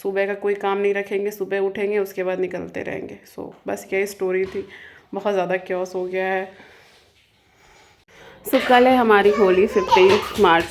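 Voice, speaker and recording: A woman's voice: medium pitch, level tone, moderate pace. A woman vlogger chatting casually, telling the story of her day and mixing English words into her talk.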